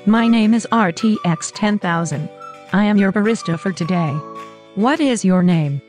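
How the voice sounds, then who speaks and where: A literal-minded robot barista, voiced by a woman, with a stiff, formal robot voice. Every word comes out flat and mechanical, and faint music plays underneath. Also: mid-range voice, moderate pace. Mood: deadpan. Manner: flat, formal machine-like delivery. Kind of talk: comedy sketch.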